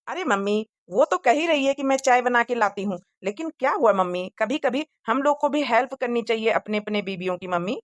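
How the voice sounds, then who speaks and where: An easygoing young cartoon husband, as a woman voices him gently coaxes his family. The voice sits fairly high and sounds close and dry. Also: lively intonation, fairly quick, few pauses, dry recording, lightly acted. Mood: coaxing. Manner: coaxing, gentle. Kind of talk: Hindi cartoon moral-story voice acting.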